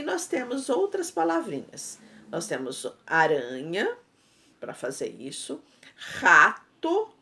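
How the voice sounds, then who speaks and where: A Brazilian Portuguese woman teaching a first-grade class, patiently explaining and sounding out syllables. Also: medium pitch. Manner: patient, drawn-out syllables, frequent "tá?". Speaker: primary school teacher. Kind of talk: slow explanatory class lesson.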